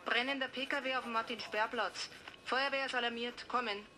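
A brisk female police dispatcher comes through a police radio with a fairly high voice. The transmission is noisy and sounds far off. She speaks in short, businesslike radio procedure. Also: steady tone, sharp tone. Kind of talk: clipped radio procedure, ending each message with "over".

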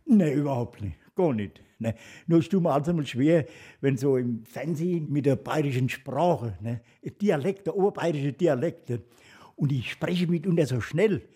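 A man's voice: a little high, lively intonation, moderate pace, mellow, husky. A man, rambling through casual interview answers and repeating filler words. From Lower Franconia. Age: 80s.

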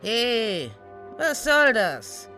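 A woman voicing a big, stern male centaur inspector who talks in a low, curt, gruff way. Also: sing-song, drawn-out words, pushed and bright, faint music behind, heavily acted. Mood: gruff impatient.

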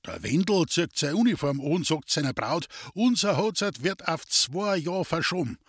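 A village man voiced by a male reader who can hardly wait to pass on bad news in broad dialect. His voice sits higher and louder than the narration, with a husky edge, from a storybook reading. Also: lively intonation, normal speed, no room sound, clean studio sound. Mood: urgent, telling news.

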